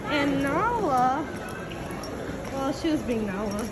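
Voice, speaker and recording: A woman speaks slowly in a high, sing-song voice to a handheld phone camera, vlogging her travels with her pets. She's chatty and full of fillers, cooing at her cats as she moves through an airport and rental car, and the phone recording is noisy.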